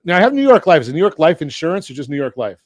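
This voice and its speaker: A very animated man with a fairly high voice and a Southern Californian accent fires off words rapidly while hosting a finance talk radio show. He jokes around with energy and asks guests leading questions, with a sponsor read in the mix. Recorded on a studio mic, the audio is dry.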